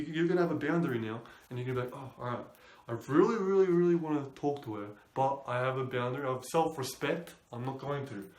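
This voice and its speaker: Young male dating coach, pitch in the usual middle range, loose and chatty, recorded in a roomy, echoey space. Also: a little mellow. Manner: loose, conversational, acts out quoted thoughts. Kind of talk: casual advice talk. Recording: roomy echo.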